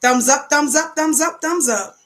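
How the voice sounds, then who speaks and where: Emphatic American woman hosting, higher-pitched voice. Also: measured pace, a bit bright. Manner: emphatic, repeats phrases in a preacherly call-out way. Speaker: online show host and broadcaster. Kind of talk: livestream talk show monologue addressed to viewers.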